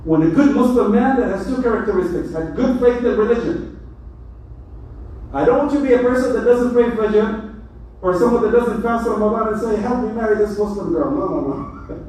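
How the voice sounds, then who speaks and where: A man preaches to his mosque congregation, an imam with a lively, joking manner. His voice sits high. The sound comes from a distance in a very echoey hall. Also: fairly quick. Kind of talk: mosque sermon. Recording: echoey hall, mic from far.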